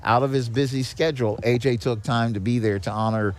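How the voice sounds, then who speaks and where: A man appears as a guest on a casual podcast interview, an executive director of a charity, speaking earnestly and with appreciation. His voice is medium-pitched and steady, fairly quick. The recording was made on location in a garage using a podcast microphone with headphones.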